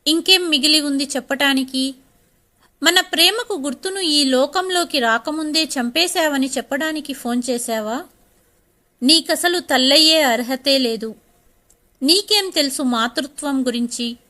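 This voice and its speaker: A cold young husband who speaks bitterly and accuses, as a woman narrator voices him. The tone is bright and high, like a storybook reading. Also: normal speed.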